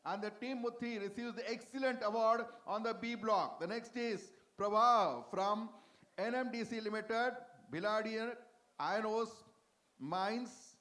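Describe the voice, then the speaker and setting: A man's voice: sits high, a little slow, pushed and bright. A man with an Indian English accent reading out award winners at a convention, stumbling now and then on team names. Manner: plain reading of names, stumbles on hard ones. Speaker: award ceremony announcer. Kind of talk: award announcements. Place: convention hall stage.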